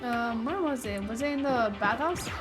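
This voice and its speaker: A woman with a high voice chats and reacts aloud as she plays a story game. Game music plays clearly behind her. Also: lively intonation, moderate pace. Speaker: streamer. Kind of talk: casual let's-play commentary.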